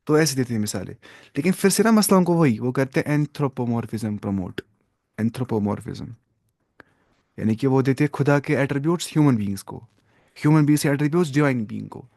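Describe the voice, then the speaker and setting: A man's voice: medium pitch, expressive, gravelly, darkish tone, no room sound, studio quality. A man teaching a religious lesson in a classroom, explaining step by step, quoting Arabic and mixing in English terms.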